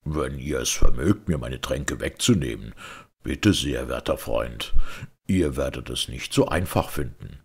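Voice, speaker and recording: A man voicing a menacing medieval monk who speaks in a growling baritone with scornful, hissed threats. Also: lively intonation, measured pace, vocal fry, husky, full character voice.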